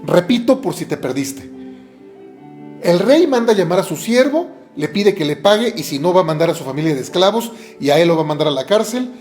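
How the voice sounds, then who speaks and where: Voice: medium pitch, animated, a little fast, a little mellow, faint music behind. A preacher with a Mexican Spanish accent giving a podcast sermon, retelling earnestly and repeating phrases. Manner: earnest retelling with repetitions and self-corrections.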